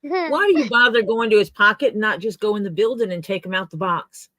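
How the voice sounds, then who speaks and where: A woman co-host talks in a casual, conversational way. Her voice sits at an average pitch, and the sound is dry with hardly any room in it. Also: fairly quick, bright, forceful tone, no room sound. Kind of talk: casual chat.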